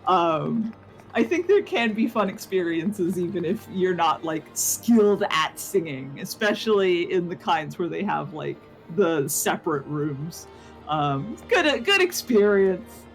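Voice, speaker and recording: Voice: medium pitch, big pitch swings, measured pace, poor audio. A co-host on a gaming stream chatting casually and telling a rambling story. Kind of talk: casual chat. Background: game music.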